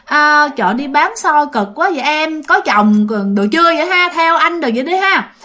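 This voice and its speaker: A woman with a Southern Vietnamese accent voicing a flirtatious, smooth-talking male ghost who teases a market woman. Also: high-pitched, animated, normal speed, sharp tone, pitched above the performer's own voice. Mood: teasing. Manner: teasing, sweet-talking.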